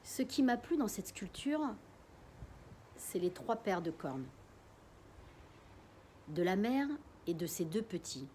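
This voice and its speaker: A woman's voice: medium pitch, very animated, slow, pauses often, dark tone, a little hiss or hum. A woman voicing an old male neighbor who wheezes and tells stories in a wistful, rambling way. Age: older. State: wheezing, short of breath.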